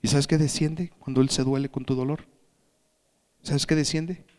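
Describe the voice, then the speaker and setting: A male pastor delivering a sermon in a mid-range voice. He draws the congregation in with questions. His delivery swings between near-whispered tenderness and loud, shouted declarations. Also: mid-range voice, fairly even intonation, normal speed.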